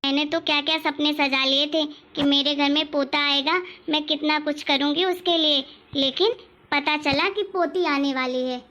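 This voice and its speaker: Lady putting on a grumpy old granny, whiny and very high-pitched, cartoon story. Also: fairly even intonation, moderate pace, sharp tone, muffled recording. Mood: indignant. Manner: complaining, self-pitying. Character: scolding old grandmother craving a grandson.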